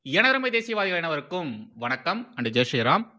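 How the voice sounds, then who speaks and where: A man's voice: sits high, very animated, fairly quick, pushed and bright. A man from Tamil Nadu giving heated, scornful political commentary as a channel host.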